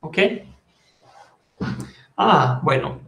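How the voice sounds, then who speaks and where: A man with a Colombian Spanish accent teaching a French lesson, patiently explaining and repeating phrases slowly. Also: on the high side, lively intonation, vocal fry, bright, forceful tone, reverberant. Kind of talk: online language lesson.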